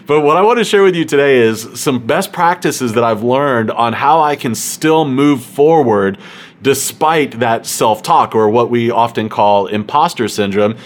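A man's voice: medium pitch, measured pace. A man hosting a show for accountants, talking casually and earnestly to his listeners in a reflective, motivational way. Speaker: host of a podcast for accountants. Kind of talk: casual talk to the audience.

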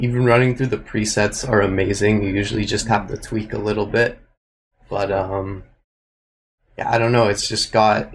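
A young man from Canada, a music producer answering interview questions in a relaxed way, thinking aloud with lots of fillers. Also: on the low side, slight background noise, rough recording.

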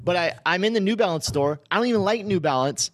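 Man co-host, casual podcast chat, a bit high voice, dry close sound. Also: expressive, quick pace, no room sound. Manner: loose, chatty, many restarts and laughs.

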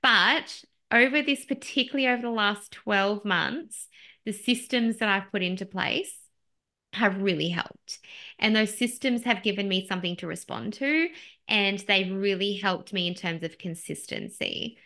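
A woman's voice: mid-range voice, measured pace, sharp tone. A woman in her thirties, a podcast host sitting as the guest, talking candidly and laughing often at herself in a conversational interview.

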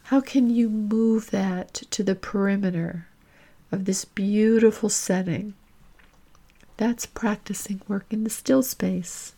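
A woman leading a guided reflection in the manner of a podcast host, gentle and deliberate, with long reflective pauses. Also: mid-range voice, fairly even intonation.

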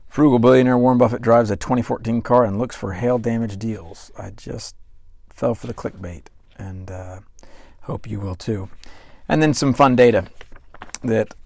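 A mid-range, gravelly, darkish male voice at a moderate pace hosts a finance podcast on a dry recording. Conversational in style, he reads news articles and quotes aloud while speaking directly to the listener.

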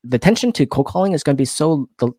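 Quick talking interviewer guy, dry close mic, rattles off lists. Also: on the high side, expressive, a little mellow, husky, dry recording. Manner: quick, explains with lists and "right?". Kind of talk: casual interview talk.

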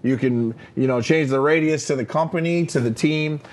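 A man's voice: a little high, normal speed, a little mellow. A man co-hosting a leadership podcast, talking emphatically with many fillers and "right?" tags. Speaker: podcast co-host, leadership coach. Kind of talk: casual leadership podcast chat.

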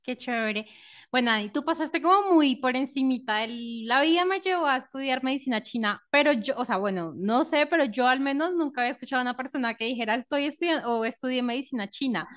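Lady hosting her podcast, gushing and excited, kinda high voice. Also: quick pace. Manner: enthusiastic, effusive. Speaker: podcast host. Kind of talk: casual podcast interview.

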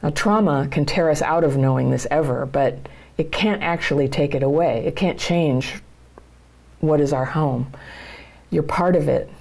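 Woman, middle-aged, low pitch, gravelly, coaching talk, earnest, plain-spoken. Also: moderate pace, darkish tone. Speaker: channel host and coach. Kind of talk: direct-to-camera advice talk.

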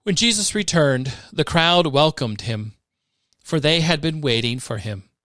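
A man reads scripture aloud in a measured, expressive way, lifting his voice at the dramatic moments. His voice sits a little high, and the sound is close and dry with no room echo. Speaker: scripture reader. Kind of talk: scripted Bible reading.

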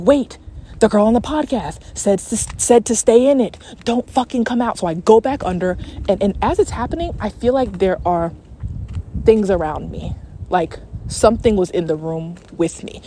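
A woman's voice: medium pitch, warm tone. A woman podcast host telling a personal story in a casual monologue, outdoors in the wind, candid and swearing freely. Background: wind noise.

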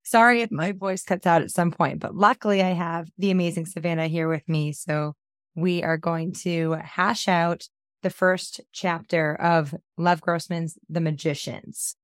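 She speaks unhurriedly in a low, steady voice, a book coach in her thirties hosting a podcast with enthusiasm despite a slight cold-induced scratchiness. It's an intro and casual chat, recorded cleanly in a studio with no echo.

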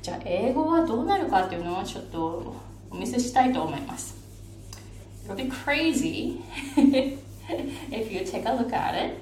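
A woman pronunciation coach explaining a chart in a patient, lively way, with many fillers and English phrases dropped into her talk. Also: on the high side, measured pace. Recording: echoey room, faint background noise.

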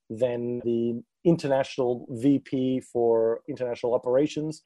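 A man who grew up in Malaysia, a guest on a podcast, telling his career story in a relaxed way. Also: medium pitch, no room sound. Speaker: guest speaker. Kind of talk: interview conversation.

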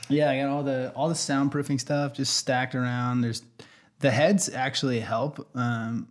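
A man's voice: medium pitch, level tone, measured pace. An American man hosting a casual podcast in a laid-back, slangy way, recorded in an echoey empty warehouse room. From western Oregon, United States. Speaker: podcast host. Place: makeshift podcast studio in warehouse, concrete floor.

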